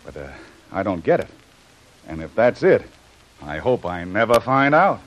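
A man's voice: on the low side, sing-song, moderate pace, highs cut off. A man playing a gallant, tough, plain-spoken adventurer with dry wit in 1940s radio drama. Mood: exasperated, wry. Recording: noisy old 1940s radio recording.

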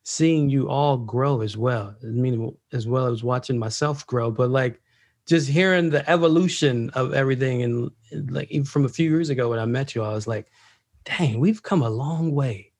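A man's voice: medium pitch, normal speed, darkish tone. Playful, enthusiastic man co-host. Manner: enthusiastic, joking, hypes others. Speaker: podcast co-host. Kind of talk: casual podcast chat.

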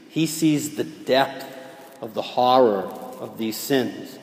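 A man acting as a priest reads the gospel and delivers a homily slowly and in a measured way, with casual fillers. His voice is medium-pitched and a little mellow, and the recording carries a cathedral echo with long reverb.

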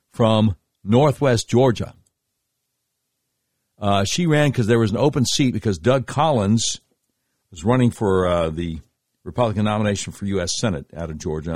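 Man, American accent, talk radio host, folksy emphatic delivery, husky, dry close studio sound. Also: fairly low pitch, dry recording. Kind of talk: talk radio monologue with live-read sponsor spots.

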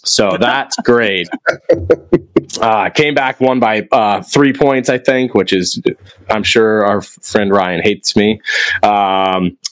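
A man's voice: on the low side, no echo. A young man co-hosting a fantasy football podcast, ranting and swearing in casual chat. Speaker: podcast co-host.

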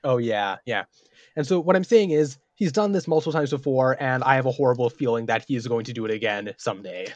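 A man co-hosting a podcast as game master, telling tabletop stories in an animated, casual way. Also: mid-range voice, fast, no echo. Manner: animated, acts out characters while telling stories.

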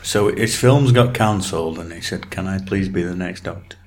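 A man co-hosting a podcast in casual chat, with deadpan, playfully obtuse jokes. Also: deep voice, moderate pace. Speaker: podcast co-host.

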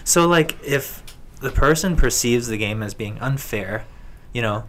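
Man, medium pitch, casual improvised explanation, hesitant, searching for words, some background noise. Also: lively intonation, a little slow, a bit bright. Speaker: guest pitching game ideas.

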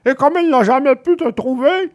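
A woman voicing a big, kindly male pigeon in a storybook reading, calm and reassuring. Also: high-pitched, moderate pace, pitched above the performer's own voice, lightly acted.

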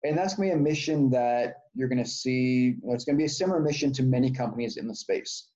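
A man from Texas, a startup founder, walks through his story in a loose, conversational way, full of fillers and restarts. The recording sounds dull and lo-fi, as if the high end has been shaved off. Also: quick pace, warm tone. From Texas, United States. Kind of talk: conversational interview answers.

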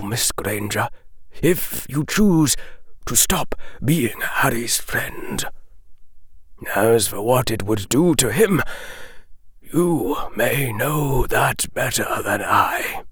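A man voicing a gentle, sorrowful old male wizard, speaking slowly and solemnly, often sinking into a whisper. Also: medium pitch, animated, slightly rough, no echo, heavily acted. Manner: slow, soft, partly whispered, solemn. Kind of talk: audiobook character reading.

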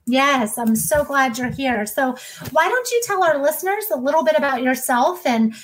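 A woman in her thirties hosting a podcast in an enthusiastic, warm way, with frequent ums. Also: sits high, big pitch swings, normal speed, a little hiss or hum, poor audio. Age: 30s. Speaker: podcast host. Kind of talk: casual podcast talk.

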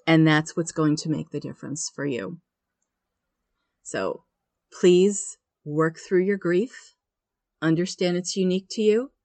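Hosting a motivational podcast, a woman speaks in an earnest, encouraging way. Her voice is deep and darkish, with no echo.

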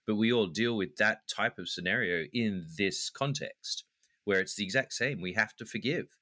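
A man's voice: fairly low pitch, normal speed, pushed and bright, no echo. A man co-hosting a faith talk, reflective and practical as he talks through how to handle anger. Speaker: podcast co-host. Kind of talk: faith-based conversational talk.

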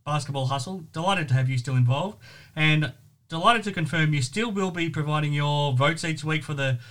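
A man's voice: on the high side, moderate pace, fairly bright tone. A man hosting a basketball talk show in a casual, upbeat chat. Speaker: basketball podcast host.

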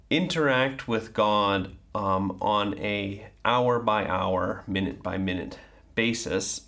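A man hosts an informal commentary on a spiritual book. His voice sits a little low, and he speaks thoughtfully, pausing often and restarting his sentences as he thinks aloud. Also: a bit bright. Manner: thoughtful, hesitant, many ums and restarts. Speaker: host.

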